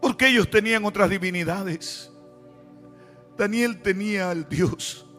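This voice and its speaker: Man, pastor, sermon, slow and deliberate, bright ringing voice, dramatic shifts from shouting to hushed. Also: sits high, faint music behind. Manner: preaching with dramatic swings from shouts to hushed tones.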